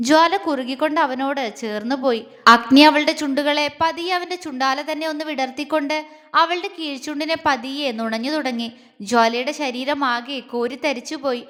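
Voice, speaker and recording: Woman narrating a romance audio story, soft emotive telling, high voice, big hall reverb.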